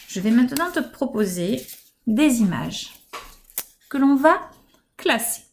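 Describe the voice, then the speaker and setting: French woman teacher recording a phonics lesson at home for little kids, fairly high voice, slow and carefully articulated. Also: big pitch swings, a little hiss or hum. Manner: slow, clearly articulated, gently encouraging teacher talk. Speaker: kindergarten teacher. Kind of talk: home-school phonics lesson for young children.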